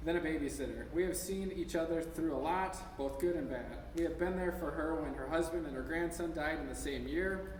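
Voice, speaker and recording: Reading an essay to mourners at a memorial service, this American man in his thirties from Minnesota keeps an informal tone and sometimes stumbles. His voice is on the high side, and he talks fairly quickly with few pauses. The recording is noisy and echoey, captured at a distance in a hall.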